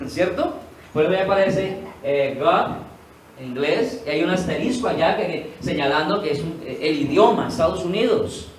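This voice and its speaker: A man's voice: a little high, expressive, normal speed, slight background noise. A male pastor teaching a sermon, asking the congregation questions and answering them himself, repeating key words for emphasis. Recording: echoey room, voice from a distance, faint ambience.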